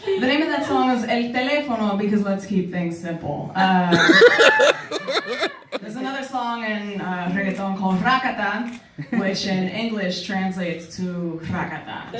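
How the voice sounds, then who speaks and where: A woman's voice: medium pitch, big pitch swings, slow pace, far from the mic. A woman from New doing a stand-up comedy set in a club, conversational and self-deprecating, teasing the crowd, a little tired. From New York City. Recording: roomy live club sound from off-mic. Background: audience laughter.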